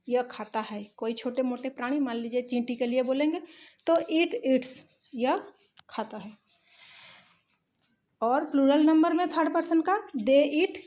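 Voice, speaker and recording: A woman teaching English grammar in a patient lesson, spelling out example sentences slowly word by word. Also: high-pitched, darkish tone. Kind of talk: slow explanatory lesson.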